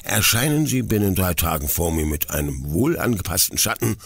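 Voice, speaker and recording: A man's voice: big pitch swings, a little fast, creaky, husky, no room sound, exaggerated voice. A man voicing a stern, angry middle-aged head forester who confronts his daughter's suitor. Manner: furious, accusing, voice rising high.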